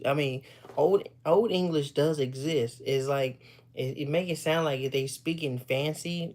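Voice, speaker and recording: A man from Texas chatting casually with viewers. He is short of breath, rambles loosely, often clears his throat, and pauses to catch his breath. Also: a little high. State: short of breath, stops for air. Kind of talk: casual chat.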